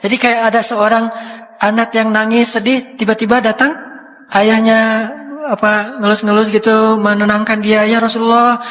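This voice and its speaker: A man's voice: high-pitched, monotone, moderate pace, a bit bright. A man from Indonesia preaching a sermon, telling stories in a casual, conversational way and acting out the quotes. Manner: casual storytelling with acted quotes. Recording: long hall reverb.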